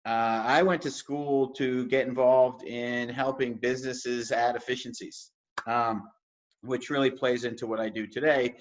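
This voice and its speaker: Heard through a dull, lo-fi recording, an interview guest who runs a construction analytics firm shares personal stories casually and easily. He grew up in New York, and his mid-range voice stays steady at a measured pace.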